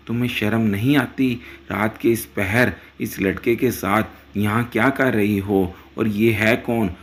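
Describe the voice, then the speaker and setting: A man's voice: fairly low pitch, lightly acted. A man reading the lines of an angry, outspoken young married woman in a storybook narration, scolding.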